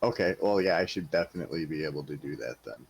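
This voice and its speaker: A man's voice: extremely low pitch, animated, fast, creaky, slight background noise. A man playing a tabletop game, chatting briefly and agreeably. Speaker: player. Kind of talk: casual chat at a tabletop game.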